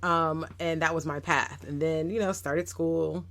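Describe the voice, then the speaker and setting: Her voice low-pitched and her pace measured, a guest educator in her thirties shares stories on a casual podcast. She is reflective in tone but becomes animated when quoting others.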